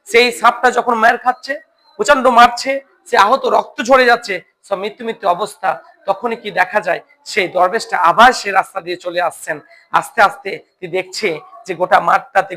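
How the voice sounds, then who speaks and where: High, bright-voiced male teacher telling a moral tale. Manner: keeps asking listeners if they follow. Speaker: coaching center teacher. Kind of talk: moral storytelling talk.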